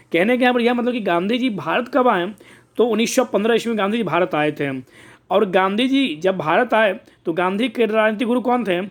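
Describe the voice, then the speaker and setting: High-voiced male exam coach drilling answers. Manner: repetitive question-and-answer drilling. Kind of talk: exam-prep lecture.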